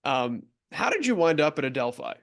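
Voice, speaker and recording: A man's voice: on the high side, big pitch swings, moderate pace, fairly bright tone. A man hosting a sports podcast, asking questions in a conversational way with some fillers. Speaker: podcast host. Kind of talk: interview questions.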